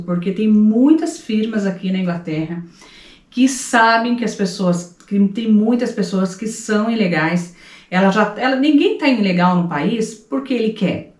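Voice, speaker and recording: A woman's voice: medium pitch, darkish tone. A woman with a Brazilian Portuguese accent chatting casually, making her point emphatically and repeating it. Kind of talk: casual chat. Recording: echoey room.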